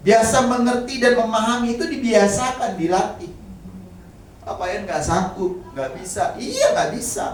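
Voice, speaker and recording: Echoey preaching man, slightly high voice. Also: a little hiss or hum. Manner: casual conversational preaching with humorous asides; addresses the congregation directly and often. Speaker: pastor. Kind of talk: sermon. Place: church hall. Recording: very echoey hall, mic at a distance.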